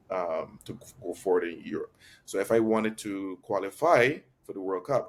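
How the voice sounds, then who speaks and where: A man from Barbados with a fairly low voice explains patiently as a podcast guest. He speaks in a measured way, often pausing on ums and restarting his sentences. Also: slight background noise. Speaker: chess master guest. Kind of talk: explanatory interview talk. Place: Barcelona.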